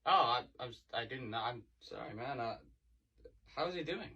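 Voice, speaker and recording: A man's voice: mid-range voice, animated, normal speed, sharp tone, breathy edge, dull audio. A man performing scripted comedic dialogue as the confused straight man in a sketch.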